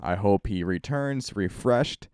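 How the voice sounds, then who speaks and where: Man, gaming youtuber, casual rambling rant, lowish voice, dry close sound. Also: expressive, takes it slowly, a little mellow, clear, resonant tone, dry recording. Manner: rambling, loose, chatty with restarts. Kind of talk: casual rant over gameplay.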